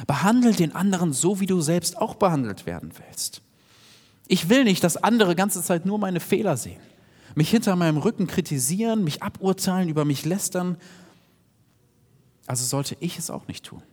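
A man preaching a sermon in an earnest, direct way, sometimes dropping to soft asides. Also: high-pitched, expressive, normal speed, breathy edge. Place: church hall. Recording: long hall reverb.

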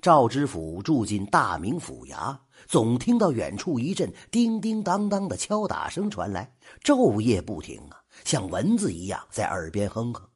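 A man narrating a folk tale in an animated storytelling manner, stretching the ends of phrases. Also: mid-range voice, breathy edge. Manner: animated, drawn-out particles.

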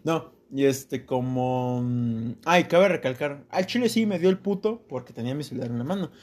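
A man's voice: mid-range voice, animated, normal speed, darkish tone. A young Mexican man telling a story in casual podcast chat, slangy, swearing a lot and laughing often. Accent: Mexican Spanish. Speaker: podcast host.

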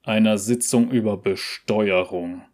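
A man's voice: on the low side, fairly even intonation, unhurried, darkish tone. Man reading as a grieving, bitter young prince. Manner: subdued, bitter.

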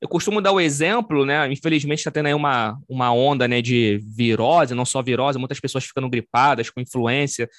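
Brazilian podcast host with a dry sound. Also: male voice, mid-range voice, fairly quick, hardly any pauses, dry recording. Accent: Brazilian Portuguese. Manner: explains with everyday examples, addresses listeners. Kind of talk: casual podcast conversation.

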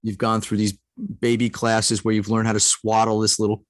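A man's voice: on the low side, completely flat delivery, moderate pace, dry recording, studio quality. A middle-aged man sharing a heartfelt personal story as a podcast guest, earnest and emotional, laughing often.

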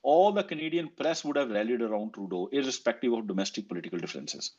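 Over a slightly muffled online call, a Punjabi-accented North Indian man leads a casual political discussion, driving points home through emphatic repetition. His mid-range voice is animated and quick, a little mellow and slightly rough.

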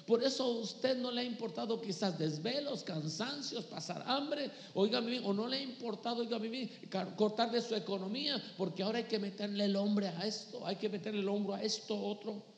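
A man's voice: high voice, a little fast, creaky, hardly any pauses. A man preaching a sermon as pastor, reading scripture and calling out to his congregation with emphatic bursts. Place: church hall. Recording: echoey church hall with long reverb.

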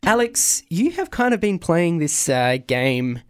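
A man co-hosting a radio show in casual chat, often halting and searching for words. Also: fairly high pitch, very animated, clean tone. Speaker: radio co-host.

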